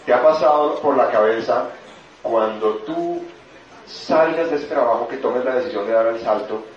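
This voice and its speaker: A man's voice: medium pitch, normal speed. Man, seminar speaker in echoey hall. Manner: storytelling, animated, addresses audience. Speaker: motivational speaker. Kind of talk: motivational seminar talk. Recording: echoey hall, distant dull mic.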